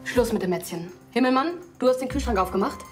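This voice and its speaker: An actress playing a bossy, hot-tempered woman who takes brisk command in a scripted TV comedy-drama. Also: on the high side, lively intonation, faint music behind, close to an everyday voice. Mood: stern, impatient.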